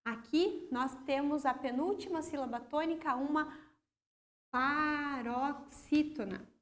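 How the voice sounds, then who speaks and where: A Brazilian woman teacher giving a recorded school lesson, explaining slowly and patiently and stressing syllables one by one. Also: high voice. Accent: Brazilian Portuguese.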